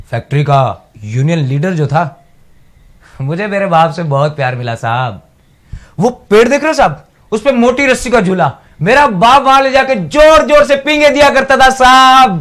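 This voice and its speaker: A man acts out an orphaned village man recalling his lost childhood to his master. He sounds wistful and pleading, with a fairly high voice. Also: a bit bright. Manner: wistful and pleading, keeps addressing "sahib". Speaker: actor in a monologue contest. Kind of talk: stage monologue.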